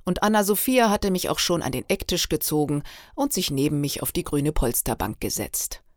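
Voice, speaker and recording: A woman reading a novel aloud with expressive storytelling. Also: deep voice, normal speed, no echo, clean studio sound. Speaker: reader. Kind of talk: audiobook reading.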